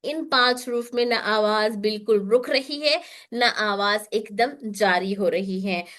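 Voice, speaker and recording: A woman teaching Quran recitation in an online lesson, explaining slowly and carefully and repeating single sounds as examples. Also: mid-range voice, a bit bright.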